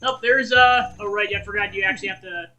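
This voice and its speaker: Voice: medium pitch, fairly even intonation, fast, sharp tone, lo-fi sound, faint music behind. A streamer playing a video game, joking and rambling with frequent giggles. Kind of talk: let's play commentary.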